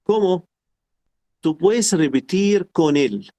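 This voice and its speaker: Middle-aged man teaching a class, slightly high voice, patient and repetitive. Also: animated, mellow. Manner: explains slowly and repeats phrases, quotes Arabic formulas. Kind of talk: online class lecture.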